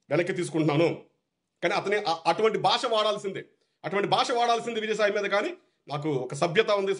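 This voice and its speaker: A man, a party activist, delivering an angry, repetitive political rant. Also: high-pitched.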